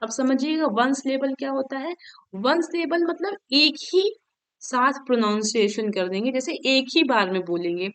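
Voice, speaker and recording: A woman teaching an exam-prep grammar lesson. Her voice sits fairly high, and she checks in after every point. She drills each word form slowly and patiently, one at a time.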